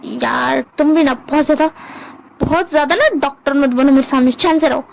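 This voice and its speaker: A woman's voice: high-pitched, brisk, creaky, poor audio. A woman voicing a teasing, easily offended young man who complains dramatically, as part of a storytelling narration. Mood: dramatic. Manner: whiny, dramatic.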